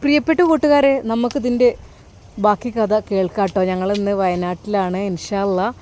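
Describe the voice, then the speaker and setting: A woman's voice: mid-range voice, steady tone, moderate pace, a little mellow, a little hiss or hum. Malayali woman storyteller, Malappuram accent. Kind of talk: storytelling narration.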